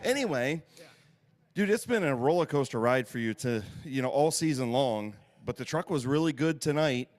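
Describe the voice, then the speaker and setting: A man's voice: mid-range voice, animated, normal speed. A man announcing and interviewing drivers at an outdoor race track, teasing and laughing as he talks. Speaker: track announcer doing victory lane interviews. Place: outdoor speedway.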